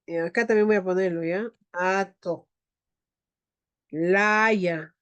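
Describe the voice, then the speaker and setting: A woman teaching an online class, leading slow pronunciation drills and calling on students. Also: fairly low pitch, fairly even intonation, clear, resonant tone. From Peru. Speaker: Quechua teacher.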